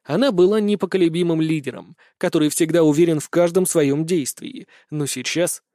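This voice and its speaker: A man's voice: on the high side, a little fast, warm tone, no room sound. A man narrating a first-person audiobook in a dry, sardonic manner.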